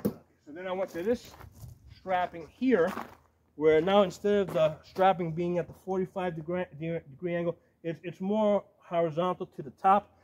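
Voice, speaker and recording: His voice sits high and a little mellow, with fairly even intonation and a normal pace, as this man in his forties demonstrates shields as a medieval combat fighter. Outdoors on a gravel yard by woods, he explains step by step in a casual, hands-on way, often asking "right?" or "okay?". A camera a few metres away captures noisy audio.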